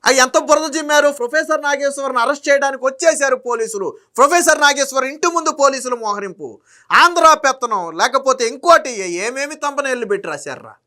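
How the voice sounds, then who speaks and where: A man's voice: very high-pitched, animated, a little fast, bright, forceful tone. A man giving a heated political monologue, combatively firing rhetorical questions at someone who isn't there. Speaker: political commentator.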